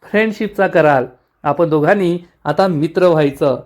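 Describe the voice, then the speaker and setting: A man's voice: on the high side, moderate pace, lightly acted. A man voicing a cheeky young woman employee in a TV serial recap, speaking in a bubbly, teasing way. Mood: playful.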